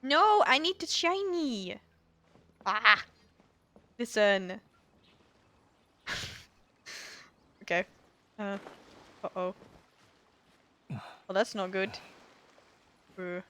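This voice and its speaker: She speaks very slowly at medium pitch, leaving long pauses, yet her tone is bright and forceful. During a game stream with music in the background, she reads dialogue aloud and chats in a rambling, giggly, self-mocking way.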